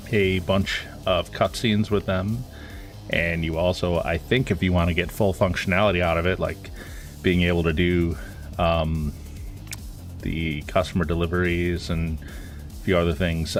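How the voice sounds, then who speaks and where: A man giving casual, rambling live gameplay commentary as a streamer, his voice stuffy from a cold. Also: deep voice.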